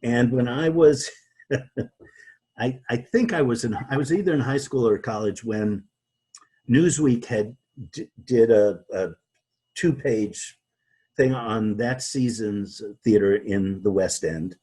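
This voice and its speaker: A man being interviewed as a guest, talking in a halting way with many restarts and repeated words. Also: mid-range voice, dark tone, slightly rough. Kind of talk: conversational interview.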